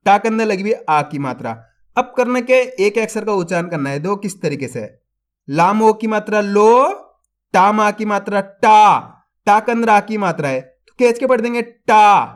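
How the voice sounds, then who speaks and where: A man teaching Hindi reading, sounding out syllables slowly and saying each joined word louder, then explaining more quickly to his viewers. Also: high-pitched. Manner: slow drawn-out syllables, louder when joining a word; speaks quicker and softer when explaining. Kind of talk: online reading lesson.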